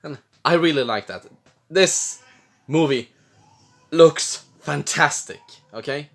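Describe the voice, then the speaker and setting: A drunk man from Sweden, giving rambling, halting and blurting casual commentary as he reacts to a film. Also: on the high side, lively intonation, vocal fry. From Jämtland, Sweden. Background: film soundtrack, faint music.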